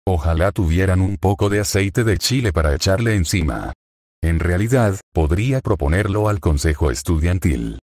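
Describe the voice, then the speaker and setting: A man's voice: deep voice, lively intonation, moderate pace, a little mellow, no echo. A man reading a fanfic aloud voices a teenage schoolboy who answers in a dry, resigned way.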